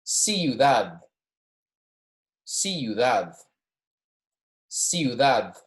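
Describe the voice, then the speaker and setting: A Spanish teacher leads an introductory lecture on pronunciation, modelling words for the class to repeat and checking in often. Her medium-pitched voice is sing-song and very slow, and the recording sounds roomy and echoey.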